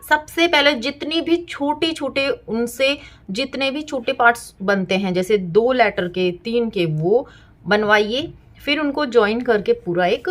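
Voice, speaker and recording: Tutorial host, woman, thirties, a bit high-voiced, patient, breaks words into syllables and spells them letter by letter. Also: a bit bright. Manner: repeats "theek hai" as a check-in. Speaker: parenting and teaching channel host. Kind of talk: explanatory home tutorial.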